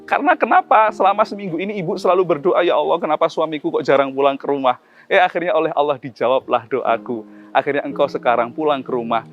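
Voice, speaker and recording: A man's voice: on the high side, quick pace, dull audio, soft background music, voice pushed up, close to an everyday voice. A man voicing the advisor's emotional wife in a told story, in a raised, tearful-sounding tone.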